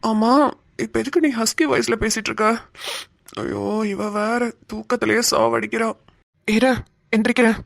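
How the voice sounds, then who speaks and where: A woman's voice: fairly high pitch, fairly even intonation, normal speed, creaky, pauses often, no room sound, clean studio sound. A woman voicing a jittery sleepy cartoon husband. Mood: drowsy. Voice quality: stammering when frightened. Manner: whiny, teasing banter. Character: sleepy scared young husband. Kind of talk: cartoon voice acting.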